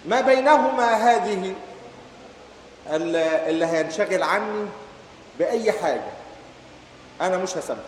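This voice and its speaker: Egyptian guy teaching a class, high voice, keeps asking the students questions, echoey hall w faint hiss. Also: animated, normal speed, long pauses. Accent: Egyptian Arabic. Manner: quizzes students and recites verses. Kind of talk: lecture to students.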